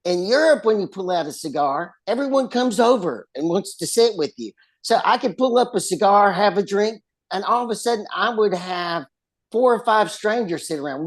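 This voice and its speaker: A man with a West Texas twang, telling stories in casual conversation. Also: high voice. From West Texas, United States. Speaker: lawyer and author, in conversation.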